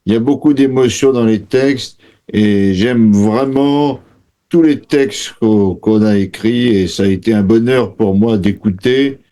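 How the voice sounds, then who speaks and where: A man with an Auvergnat accent, a band member answering in a radio interview, earnest and halting with many fillers. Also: fairly low pitch, dark tone.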